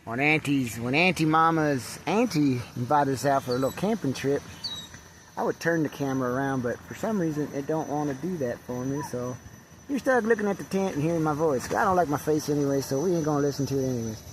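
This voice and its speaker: A man's voice: on the high side, expressive, brisk, poor audio. An older man vlogging outdoors at a campsite on a handheld camera, rambling and profane, stumbling over restarts. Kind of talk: rambling casual vlog. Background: faint wind and birds.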